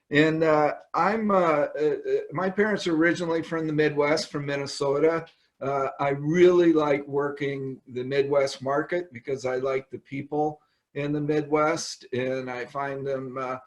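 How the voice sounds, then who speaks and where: Speaking from his home wine cellar over a video call, an older Californian winemaker chats casually in a fairly high voice. He rambles, dropping in plenty of ums and uhs.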